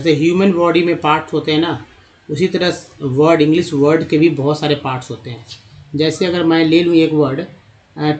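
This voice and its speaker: Calling his viewers friends, a man whose voice is on the high side works through English spelling and pronunciation, repeating every sound slowly. The audio is dull and lo-fi.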